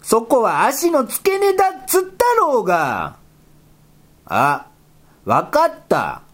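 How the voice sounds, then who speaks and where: A woman voicing a bossy, exasperated rabbit character who talks in rough boyish speech and scolds his partner in a comedy skit. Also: on the high side, wildly swooping pitch, takes it slowly, full character voice. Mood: scolding, exasperated. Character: gruff bossy rabbit guy, exasperated straight man.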